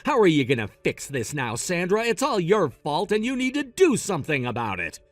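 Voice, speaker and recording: A man's voice: high voice, huge pitch swings, normal speed, no echo. A man voicing a blaming, dismissive young groom in a text-message story, talking in a scolding, impatient way. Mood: angry.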